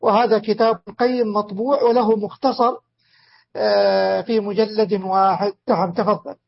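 Man in his own voice leading an online religious lesson, high and gravelly, slow and measured, dull lo-fi stream audio. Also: little pitch movement. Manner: slow, measured, with frequent pauses. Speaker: sheikh teaching a book.

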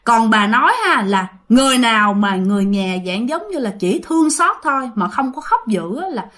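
A woman's voice: a little high, expressive, normal speed, a bit bright. A woman with a Southern Vietnamese accent, telling ghost stories in a chatty, casual way, repeating phrases and speaking straight to her listeners. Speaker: ghost story host. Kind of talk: casual spoken storytelling.

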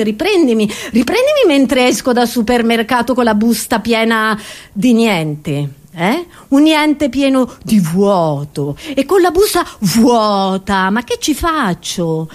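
Expressive and full of irony, a woman from Italy delivers a satirical, theatrical comedy monologue, turning to the audience with rhetorical asides. Her pitch is fairly high.

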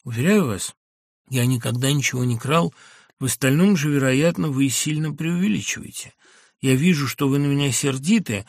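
Soft-spoken guilty doctor, quiet and placating, gravelly tone, dry sound, man reading. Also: mid-range voice, moderate pace, no room sound, lightly acted. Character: mild, guilt-ridden middle-aged male doctor.

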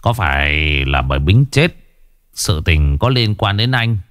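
A man voicing a stern, wise older village man who gives grave, measured warnings in a ghost story. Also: fairly low pitch, very animated, fairly bright tone, dry recording, clean studio sound. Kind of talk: storybook ghost tale voice acting.

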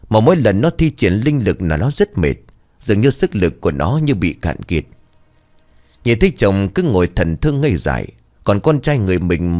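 A man's voice: low voice, darkish tone. A man narrating a ghost story in a dramatic reading style, voicing every character himself.

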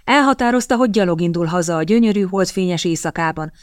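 Woman narrator, lowish voice, dry sound. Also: expressive, clean tone, no room sound. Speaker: audiobook narrator. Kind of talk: scripted narration.

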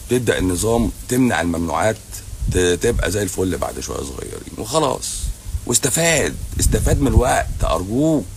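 Low-voiced sarcastic Egyptian man, fast. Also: very animated, creaky, background noise. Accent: Egyptian Arabic. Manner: sarcastic, teasing, blunt and repetitive. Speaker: doctor answering viewer questions on a livestream. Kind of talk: casual livestream Q&A. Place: hotel lobby at night.

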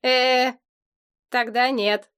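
A woman's voice: high-pitched, level tone, drawn-out words, fairly bright tone, clean tone, pitched above the performer's own voice, exaggerated voice. A woman doing a naive young demon. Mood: sheepish. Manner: eager, sheepish. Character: naive cheerful young male demon, lovestruck. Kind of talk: audiobook character reading.

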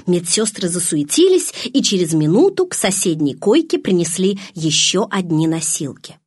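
A woman narrating a novel in the first person, with expressive storytelling. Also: lowish voice, normal speed, slightly rough, no echo, studio quality. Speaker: audiobook narrator.

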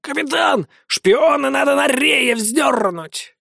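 A man voicing an excitable male pirate parrot, shrill and alarmed. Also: takes it slowly, vocal fry, dry recording, clean studio sound, exaggerated voice. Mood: alarmed shouting.

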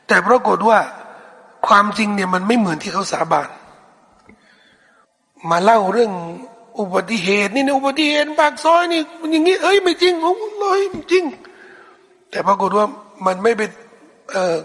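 High bright-voiced preacher, husky and echoing. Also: male voice. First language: Thai. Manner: rhetorical questions answered himself. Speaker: Islamic preacher. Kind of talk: Quran commentary lecture. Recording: long hall reverb.

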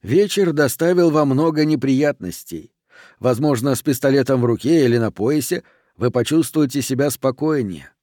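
A man voicing a calm, mysterious milkman who speaks in a measured, slightly ironic way. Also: medium pitch, dry recording, clean studio sound, lightly acted. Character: calm mysterious male milkman, faintly mocking.

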